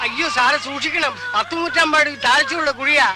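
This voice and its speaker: A man's voice: very high voice, fast. An actor playing an anxious, deferential male caretaker who keeps calling his boss sir. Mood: worried. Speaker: worker.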